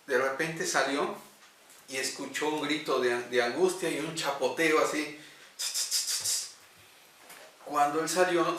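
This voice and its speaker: A man's voice: medium pitch, sharp tone. Earnest man telling a devotional story. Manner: earnest, with hesitant fillers. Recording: echoey room, distant mic.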